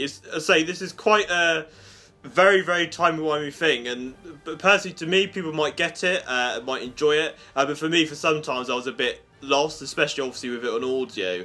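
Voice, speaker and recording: A YouTube reviewer and host casually reviews an audio drama for his online viewers, chatty and enthusiastic, with music playing under his voice. He speaks in a fairly high, pushed and bright tone.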